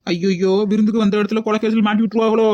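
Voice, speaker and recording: A woman's voice: medium pitch, flat delivery, very fast, warm tone, no room sound. A woman plays a brash, boastful guest in a comic skit. She rattles her lines off at a breakneck pace. The recording sounds dull and muffled. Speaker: guest relative.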